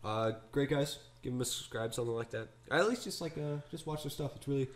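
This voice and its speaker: A man's voice: mid-range voice, quick pace. A young man co-hosting a casual chat, rambling with many fillers and restarts. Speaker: podcast co-host.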